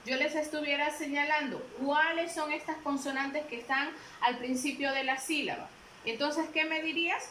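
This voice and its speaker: A woman teacher explains a lesson patiently, repeating herself and quizzing her listeners. Her voice is high and bright, and she speaks at an unhurried pace. The sound is roomy, with faint noise behind her. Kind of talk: classroom lesson.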